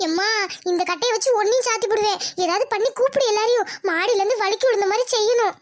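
Spiteful young cartoon schemer, bossy and quick, very high voice, a woman doing it. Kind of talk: cartoon voice acting.

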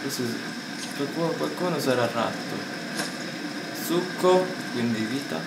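An Italian man giving a player bossy, excitable directions while commenting on a game. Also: medium pitch, unhurried, gravelly. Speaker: co-host guiding the player. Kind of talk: casual gameplay commentary. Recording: echoey room, distant mic, noisy.

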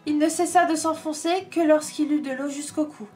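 A woman reading a storybook aloud in an expressive, measured storytelling manner. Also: sits high. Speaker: reader. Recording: faint background music.

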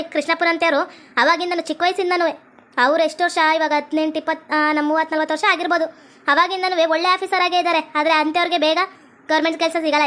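High-voiced woman, acting loud and pleading in a homemade family drama. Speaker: lead actress and channel host.

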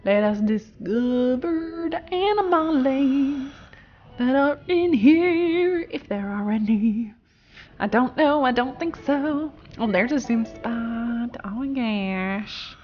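A woman's voice: a little high, lo-fi sound, slight background noise. A woman hosting a casual gameplay video, joking around, swearing freely and breaking into silly fake singing. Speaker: gaming video host.

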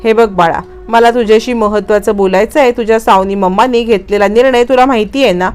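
A woman voicing a calm, caring husband and father in a story recap, with a gentle, reassuring manner. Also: fairly high pitch, a little fast, smooth, lightly acted. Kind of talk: read-out dialogue in a story recap.

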